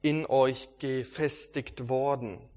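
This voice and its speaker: A man's voice: mid-range voice, steady tone, slow pace, darkish tone. A man teaching a Bible sermon, earnest and emphatic, repeating phrases and sometimes restarting a word. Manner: occasional restarts and stumbles. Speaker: preacher.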